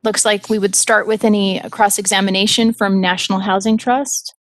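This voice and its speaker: A woman's voice: mid-range voice, flat delivery, moderate pace, no room sound. A woman presiding as judge over a formal remote hearing, polite and procedural in her manner. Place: remote hearing by audio and video link.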